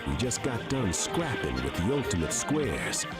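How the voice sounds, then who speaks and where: A man's voice: sing-song, measured pace. A man voicing an old, world-weary hipster beat-poet narrator who riffs in slangy, rhythmic spoken word. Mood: jive rant. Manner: dramatic swings from low mutters to sharp outbursts. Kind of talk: beat poetry monologue. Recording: loud music bed behind the voice. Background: music.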